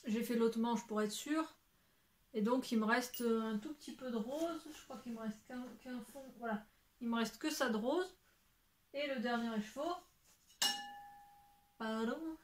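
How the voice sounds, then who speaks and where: A woman's voice: a little high, unhurried, pauses often, noisy background. A young woman chatting casually at home about her knitting, rambling with many fillers and self-corrections. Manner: occasional swearing, then apologizing. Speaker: knitting podcaster. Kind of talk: casual chat showing knitting to camera. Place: at home in front of shelves.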